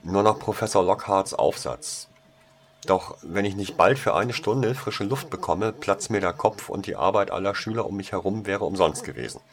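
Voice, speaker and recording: A man's voice: sits low, normal speed, pitched above the performer's own voice. A man voicing a guarded teenage schoolboy who speaks hesitantly with dry irony. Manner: hesitant, ironic. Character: shy, guarded teenage schoolboy, dryly ironic.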